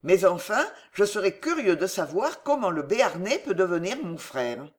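A woman voicing an excitable young king. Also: on the low side, normal speed. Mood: eager. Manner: exclaiming, boyish enthusiasm. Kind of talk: audiobook character reading.

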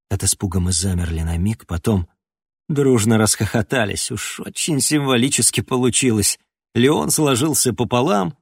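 Man reading a novel, lively pitch, dry close mic. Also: slightly rough, dry recording. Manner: expressive, storytelling. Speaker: audiobook narrator. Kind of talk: scripted narration.

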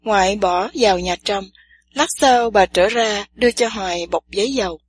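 A woman narrating a story gently and evenly. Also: mid-range voice, normal speed, slightly rough.

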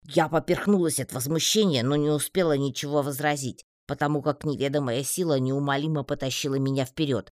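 A reader narrating a first-person fantasy audiobook in a lively storytelling manner. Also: medium pitch, brisk, few pauses, dry recording, studio quality.

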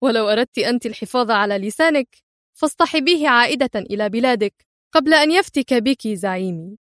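Casting: woman voicing a mocking, insolent thin crook, higher voice, dry close sound. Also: animated, brisk, fairly bright tone, dry recording. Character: sneering thin male criminal, mocking and nervous.

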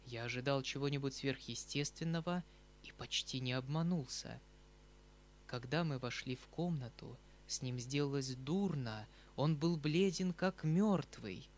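A man reading an audiobook in a measured, dramatic narration. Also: medium pitch, slight background noise.

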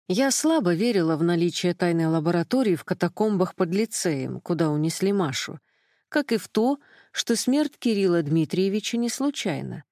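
A woman narrating a first-person audiobook in a calm, even storytelling manner. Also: on the low side, no room sound, clean studio sound.

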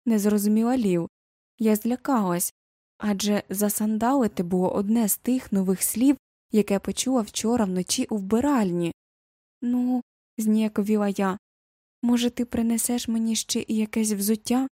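A woman reading a first-person novel aloud as an audiobook narrator, measured and reflective. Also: medium pitch, steady tone, warm tone, dry recording, studio quality.

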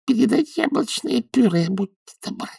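A man's voice: extremely high pitch, lively intonation, normal speed, creaky, a little mellow, husky, no echo, clean studio sound, voice pushed up, exaggerated voice. A man voicing a timid, fussy elderly wizard who mumbles his requests hesitantly.

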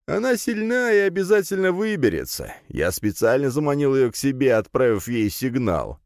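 A man's voice: medium pitch, very animated, normal speed, no room sound, studio quality, pitched above the performer's own voice. A man voicing a grim male ghost guardian in a storybook. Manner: gloomy, knowing.

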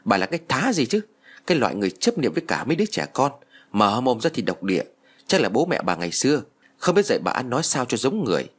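An enraged young village mother in a spoken horror story, voiced by the man narrating, hurling threats in a husky, lively voice. She shouts fast and hard. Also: mid-range voice. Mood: furious. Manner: yelling, threatening.

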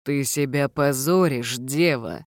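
A reader voicing a grandiose male shadow spirit lord who declaims slowly and pompously in an audiobook. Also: mid-range voice, dry recording, clean studio sound. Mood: scornful.

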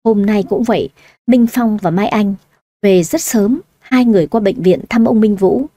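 A woman narrating a story audiobook-style with a steady, even reading. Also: medium pitch, normal speed, no room sound, clean studio sound.

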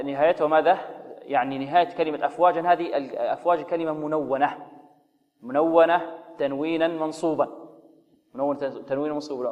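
A man teaching Quran recitation rules, explaining slowly, asking rhetorical questions and modeling recited examples. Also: fairly high pitch, big-room sound, lo-fi sound. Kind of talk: tajweed lesson with recited examples.

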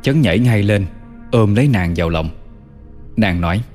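Male storyteller, low calm voice, long reverb, soft music behind. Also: normal speed. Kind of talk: storytelling narration.

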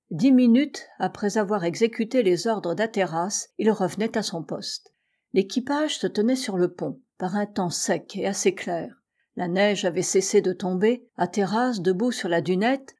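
A woman narrating a classic adventure novel as an audiobook, in a measured, even storytelling manner. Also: medium pitch. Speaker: audiobook reader.

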